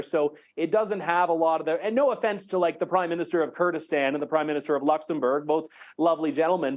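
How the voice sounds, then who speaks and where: A man, a journalist, joining an interview remotely and answering in a dry, wry, matter-of-fact way. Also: fairly high pitch. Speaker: journalist guest.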